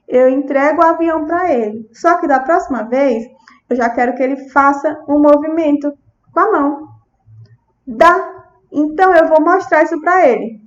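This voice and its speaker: A woman's voice: high-pitched, muffled recording. A woman with a Brazilian Portuguese accent, a speech therapist giving a lecture who acts out sounds and words to show how she works with a child. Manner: checks in with the audience often. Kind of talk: lecture with demonstrations.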